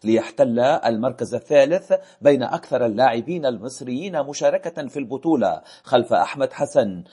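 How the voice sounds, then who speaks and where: A man presenting a radio sports news bulletin, reading a script in a measured, formal way. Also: mid-range voice, expressive, mellow, husky.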